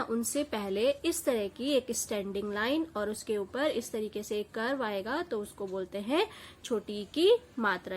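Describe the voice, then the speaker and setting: Slow, patient woman teaching young children. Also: a little high, slight background noise. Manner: slow, patient syllable-by-syllable reading. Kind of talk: online class lesson for young children.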